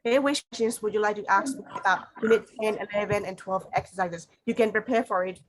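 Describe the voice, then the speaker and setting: A woman's voice: mid-range voice, quick pace, a little hiss or hum. Woman teacher, online class, patient, repeats instructions, mid-range voice. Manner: patient, repeats key points. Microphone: video call.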